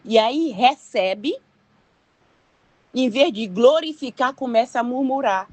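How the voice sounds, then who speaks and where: A woman's voice: fairly high pitch, animated, slow, darkish tone, no echo. An older woman with a Brazilian Portuguese accent preaching an informal sermon, chatty and full of rhetorical questions. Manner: conversational, leans on rhetorical questions and tag questions.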